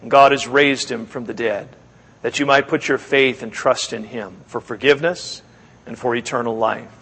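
A man preaching as a pastor, closing a sermon with earnest, measured exhortation, pausing and repeating his phrases. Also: medium pitch, steady tone, a bit bright, breathy edge. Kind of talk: sermon with closing prayer and altar call. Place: church service, speaking to a congregation. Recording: long echo of a large room.

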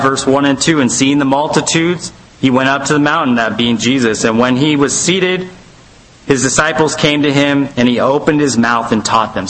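A man's voice: medium pitch, fairly bright tone, low-quality recording. Male Bible study teacher, mid-range voice, chatty and rambling, faint hiss in the background. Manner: conversational, rambling, lots of fillers.

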